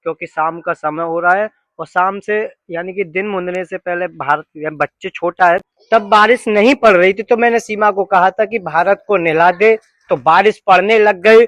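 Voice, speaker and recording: High-pitched man, chatty family vlog, playful and affectionate, dry close sound. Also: moderate pace, a bit bright, dry recording. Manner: chatty, affectionate, playful sing-song with the children. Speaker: family vlogger. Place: home, indoors and rooftop.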